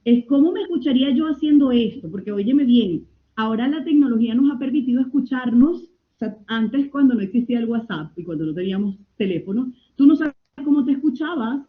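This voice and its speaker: Expressive woman lecturer on tinny audio. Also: on the high side, quick pace. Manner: expressive, shifts tone and pace to demonstrate. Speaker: communication lecturer. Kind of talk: online lecture answering questions.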